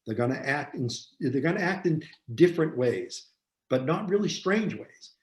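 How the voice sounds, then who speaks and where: A man giving a seminar talk, telling a story in an animated way and repeating phrases for emphasis. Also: on the high side, normal speed. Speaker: seminar presenter on parenting. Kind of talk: storytelling lecture. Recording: roomy echo.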